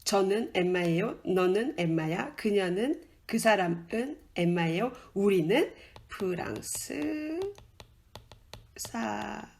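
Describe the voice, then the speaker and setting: A woman's voice: medium pitch, animated, fairly quick, creaky, darkish tone. Chatty woman teacher. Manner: chatty and informal, addresses the learner directly, frequent "tu vois?" and hesitations. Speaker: Korean language teacher. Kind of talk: casual spoken lesson, explaining at a whiteboard.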